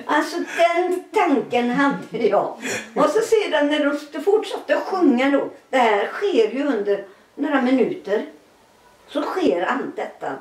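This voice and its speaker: A middle-aged woman giving a personal testimony in an interview, telling her story with animated, laughing re-enactments of dialogue. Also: sits high, reverberant, far from the mic, rough recording.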